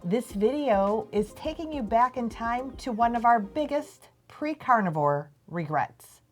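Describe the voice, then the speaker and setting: Lively, cheerful woman co-host. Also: on the high side, a little slow, faint music behind. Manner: cheerful, laughing easily. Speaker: life coach and co-host. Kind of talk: casual chat.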